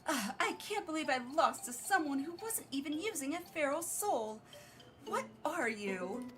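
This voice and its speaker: A woman's voice: high-pitched, sing-song, a little slow, soft background music. A young adult woman streamer chatting casually with her viewers, giggly, self-mocking and emotional. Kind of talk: casual live-stream chat.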